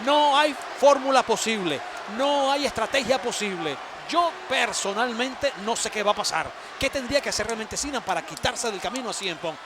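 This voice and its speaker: High-voiced emphatic man, wrestling color commentator. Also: animated, normal speed. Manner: emphatic, repeats phrases for effect. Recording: noisy arena crowd. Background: arena crowd.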